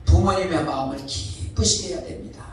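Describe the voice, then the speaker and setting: A man's voice: a little high, brisk, a crowd in the background. A male pastor preaching a sermon, emphatic and often asking the congregation questions. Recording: echoey hall from far off.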